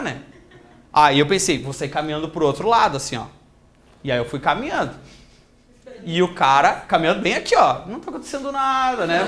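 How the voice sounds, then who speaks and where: A male teacher animatedly tells an anecdote during a classroom lecture, acting out the quoted voices. His voice is high-pitched, with slight background noise.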